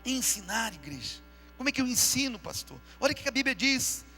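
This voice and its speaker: High, bright-voiced preacher. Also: male voice, very animated, fairly quick, faint music behind. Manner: fervent, calls out to the congregation and asks them to repeat words. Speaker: pastor. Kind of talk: sermon. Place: church during a live service.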